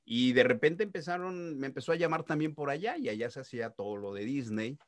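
A middle-aged man, a voice actor telling stories in an interview, animated and full of sound-effect interjections. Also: medium pitch, a little fast, dry recording, clean studio sound. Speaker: voice actor guest. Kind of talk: casual interview storytelling.

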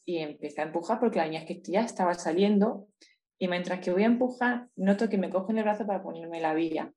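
A woman with a Spain Spanish accent tells a personal story to an interviewer. Her voice sits a little low, and her telling is intense and emotional, close to the surface throughout. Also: fast talker, dark tone. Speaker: interview guest.

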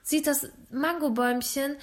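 A woman's voice: sits high, steady tone, normal speed. A woman hosting a casual podcast, telling a story with lots of little fillers. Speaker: podcast host.

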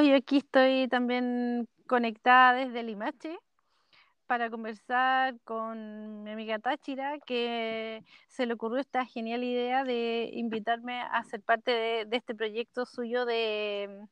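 Chatty Chilean woman, high clear voice. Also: fairly even intonation, takes it slowly, fairly bright tone, dry recording. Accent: Chilean Spanish. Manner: rambling, chatty storyteller. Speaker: podcast co-host. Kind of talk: casual chat. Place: home, connected remotely. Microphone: computer mic on a call.

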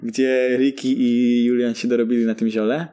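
Brief: young male podcast co-host, rambling joker, mellow dark voice, mid pitch. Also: little pitch movement, moderate pace, clear, resonant tone. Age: young adult. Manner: joking, rambling storyteller. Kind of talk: casual banter podcast.

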